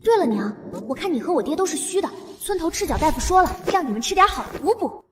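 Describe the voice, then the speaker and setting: A guileless village girl in a comic costume drama. Her voice is very high, chirpy and innocent, with faint noise behind it. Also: very animated, fast. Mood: cheerful, innocent. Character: breezy, guileless village girl, doting yet troublesome daughter.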